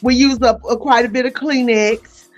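Chatty, expressive middle-aged woman. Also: on the high side, moderate pace, dull audio, faint music behind. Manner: chatty and expressive, laughing and exclaiming. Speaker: podcast host. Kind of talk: casual chat.

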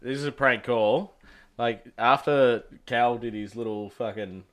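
A man's voice: medium pitch, unhurried, a bit bright. An Australian man chatting casually as a podcast host, in matey, blokey lad banter with heavy swearing. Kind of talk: casual chat with mates.

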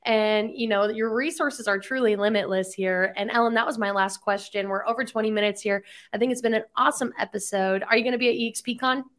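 A woman hosts a casual podcast interview. Her voice sits a little high. She keeps up a steady stream of short, encouraging affirmations. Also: fast talker, hardly any pauses. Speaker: podcast host.

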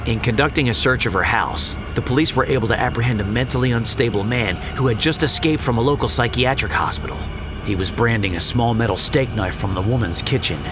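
A man narrating a horror story in a low, hushed, suspenseful way. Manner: low, hushed and suspenseful, jumping higher in dialogue.

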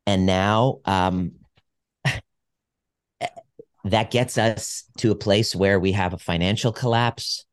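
A man's voice: fairly low pitch, fairly even intonation, takes it slowly, pauses often, smooth, no echo, studio quality. A man in his forties, a podcast guest, talking in an earnest, reflective way with frequent restarts. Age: 40s. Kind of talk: casual conversation.

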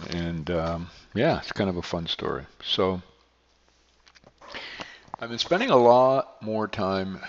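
A middle-aged or older man hosting a podcast alone, talking casually and earnestly in a halting way. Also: low-pitched, slight background noise. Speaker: podcast host, beekeeper. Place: echoey makeshift indoor studio. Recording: echoey hall-like studio, dull sound.

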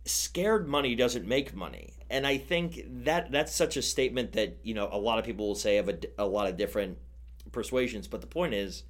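In a casual podcast conversation, a business owner in his thirties talks as a guest, rambling and full of fillers and restarts. His voice is lowish and animated, and he speaks a little fast.

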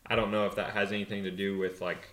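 A young man and pro rider answering interview questions in a relaxed, hesitant way, full of fillers and restarts. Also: on the low side, fast, roomy sound. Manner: laid-back, hesitant, many fillers and restarts. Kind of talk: casual interview.

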